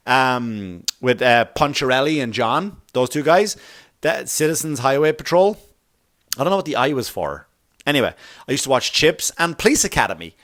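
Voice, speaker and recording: A man's voice: mid-range voice, big pitch swings, normal speed, fairly bright tone. A man from Ireland, hosting a podcast in a blunt, profane, rambling comedic monologue full of restarts. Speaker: podcast host.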